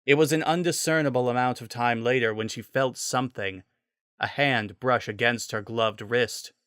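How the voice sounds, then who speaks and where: A man's voice: mid-range voice, moderate pace, fairly bright tone, smooth, dry recording, studio quality. A man reading a scripted story as its narrator, in a dramatic style.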